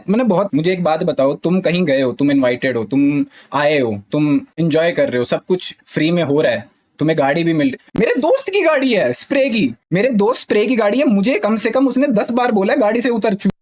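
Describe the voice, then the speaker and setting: A man's voice: fairly high pitch, a little mellow. A young man streaming, explaining himself defensively in an agitated way, his voice climbing when he gets heated. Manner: agitated, repeats "theek hai" often, voice rises when heated.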